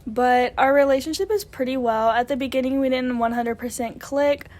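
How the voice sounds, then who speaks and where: A woman's voice: sits high, moderate pace, darkish tone. A young college woman from Louisiana answering questions in a casual, easygoing way. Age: young adult. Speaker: interviewee.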